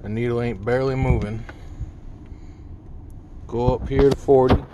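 Recorded handheld inside a parked vehicle's cab, with car cabin noise, the sound is muffled. The vlogger, a man with a steady mid-range voice at normal speed, casually demonstrates CB radio gear hands-on in a folksy, plain-spoken way.

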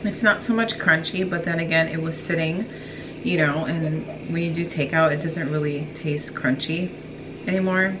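A woman's voice: deep voice, steady tone, normal speed, noisy background. A young woman giving a casual food review in her home kitchen. She is chatty, a little flustered, and pokes fun at herself. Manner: chatty, self-deprecating, flustered. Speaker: guest reviewer, host's wife. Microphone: camera mic, medium shot.

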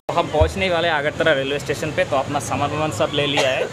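A man in his thirties from Tripura, India, casually talking to a phone camera held at arm's length as he walks through a busy outdoor railway station, chatty and relaxed. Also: a little high, fast talker, loud music behind the voice. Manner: chatty, relaxed, guiding the viewer around. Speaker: travel vlogger. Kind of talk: casual walking vlog to camera. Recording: outdoor phone recording with crowd around. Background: crowd chatter and passing vehicles.

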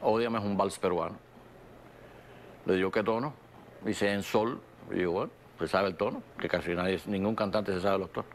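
A pianist telling animated stories in a documentary interview, acting out dialogue. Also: male voice, sits low, moderate pace, slight background noise. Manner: animated storyteller, acts out dialogue.

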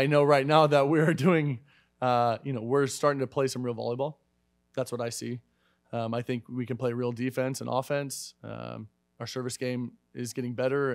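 A man in his thirties speaks quickly at a post-match press conference, leaning on fillers and restarts. His voice is close and dry at the desk mic, mid-pitched and easygoing. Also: dry recording. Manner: fast, conversational, many fillers and restarts. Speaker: head volleyball coach. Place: media room in front of a sponsor backdrop. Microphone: desk microphone.

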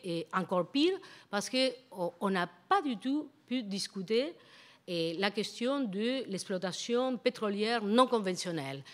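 A middle-aged native Spanish-speaking woman with a foreign, Latin American Spanish accent in French, giving a public academic lecture and often halting to search for words. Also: medium pitch. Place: indoor lecture hall at a university. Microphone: handheld-type microphone on a stand.

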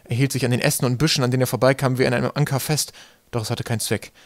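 A man reading an audiobook in calm, steady narration. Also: medium pitch, rapid-fire, dry recording, clean studio sound. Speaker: audiobook reader. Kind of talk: scripted narration.

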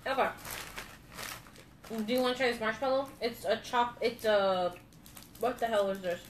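A woman's voice: on the high side, normal speed, distant mic. A young woman hosting a casual live candy review, talking bluntly and swearing freely. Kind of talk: casual live-stream chat. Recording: echoey room, a bit off-mic, faint noise.

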